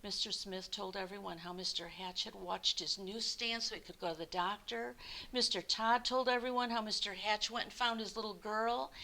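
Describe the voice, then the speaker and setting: Her voice sits fairly high as this woman in her sixties or older plays storyteller for small kids, speaking expressively and warmly. Background hiss runs through the poor-quality audio.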